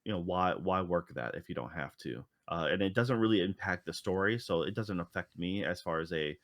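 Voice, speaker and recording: Low-voiced man chatting casually. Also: brisk, fairly bright tone, dry recording. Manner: rambling, many fillers and restarts. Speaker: podcast co-host. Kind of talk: casual chat.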